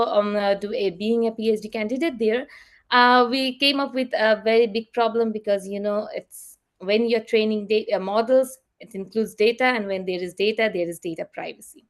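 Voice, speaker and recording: A woman researcher giving an invited talk over a video call, explaining in an earnest, halting way. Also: a little high.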